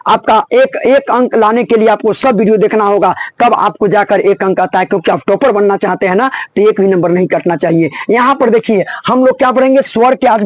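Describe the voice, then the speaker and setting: A man teaches grammar for exams in a high-pitched voice. He drills his students by repeating each point and throwing questions back at them. The recording is close and dry, with no room sound. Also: a little fast, few pauses, no echo. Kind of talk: exam-prep lesson.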